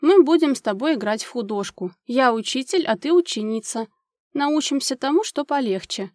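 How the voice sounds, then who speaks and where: A woman voicing a kind young woman who cares for a little girl, speaking gently and reassuringly. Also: high-pitched, lively intonation, moderate pace, no echo, studio quality, voice pushed up. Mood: gentle.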